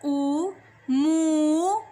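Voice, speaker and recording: A woman teaching young children a Hindi phonics lesson, saying each sound slowly and clearly and urging them to repeat after her. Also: high voice, mellow. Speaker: primary school Hindi teacher.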